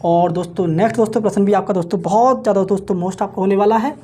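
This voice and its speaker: A man runs through an exam-prep maths lecture, chanting times tables quickly as he works sums aloud. He calls his viewers friends in almost every phrase and answers his own questions. His voice is high-pitched with a dark tone.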